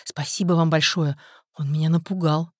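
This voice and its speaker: Lady reading scared young woman, breathy relieved, low voice, dry. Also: fairly even intonation, moderate pace, no echo. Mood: shaken.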